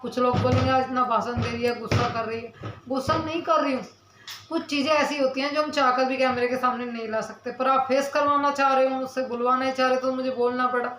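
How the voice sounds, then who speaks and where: A woman's voice: high voice, flat delivery, quick pace, reverberant, background noise. A young woman vlogger talking to camera, earnestly answering her viewers' comments and defending herself while in some pain from her mouth. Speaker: village vlogger.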